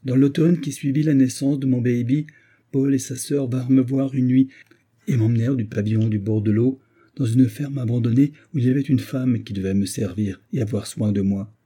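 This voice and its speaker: A man reading the part of a gentle young wife and mother in a tender, pleading tone. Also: mid-range voice, steady tone, fairly quick, breathy edge, close to an everyday voice.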